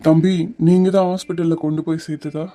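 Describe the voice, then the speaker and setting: A woman voicing a worried, gentle middle-aged father soothing his daughter in a cartoon series. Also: low-pitched, little pitch movement, quick pace, dry recording, close to an everyday voice. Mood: grateful.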